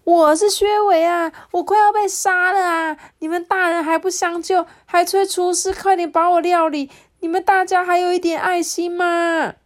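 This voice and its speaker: Woman shouting as a frantic man turned fish. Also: very high-pitched, measured pace, pitched above the performer's own voice. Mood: desperate. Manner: desperate shouting. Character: frantic male official turned carp, pleading for life.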